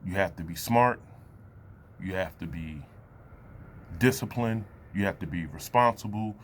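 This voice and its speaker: A man in his late thirties giving a reflective personal talk to camera, loose and halting, with many fillers and pauses. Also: low voice, a little hiss or hum. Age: 30s. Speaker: vlogger.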